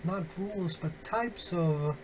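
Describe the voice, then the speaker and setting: A man walks through a phonetics lesson at an unhurried pace. He pauses often and keeps checking that his listeners follow. A faint hiss of room noise sits under his voice. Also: high voice, a little mellow, rough recording. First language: Spanish. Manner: slow, patient, many "uh" fillers and "okay?" checks. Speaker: phonetics teacher. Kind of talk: recorded online lecture.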